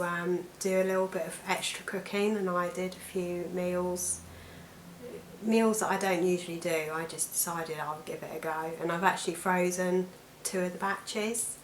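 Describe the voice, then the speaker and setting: A British woman with a croaky, allergy-affected voice, chatting casually to camera as a weight loss vlogger. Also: fairly low pitch. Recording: echoey room with background noise.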